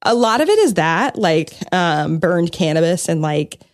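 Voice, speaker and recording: A woman's voice: on the low side, big pitch swings, measured pace, dry recording, studio quality. A young woman co-hosting a podcast in casual chat, bubbly and giggly, filling her talk with "like". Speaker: podcast co-host.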